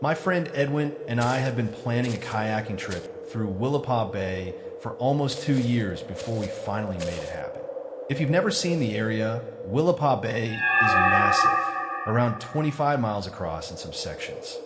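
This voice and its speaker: A man narrates a scripted first-person horror story in a dramatic, suspenseful way with deliberate pauses. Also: lowish voice, expressive, loud music behind the voice.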